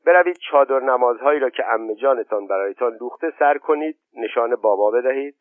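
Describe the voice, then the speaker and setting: A man voicing a calm, practical mother giving gentle instructions. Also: medium pitch, no room sound, lightly acted. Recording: tinny narrow-band, dry.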